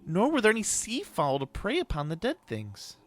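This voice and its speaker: A man reading a horror tale aloud as a dramatic audiobook narrator, in a deliberate, theatrical storytelling manner. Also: high voice, huge pitch swings, a bit bright, slight background noise. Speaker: podcast host reading a story. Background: ambient soundscape.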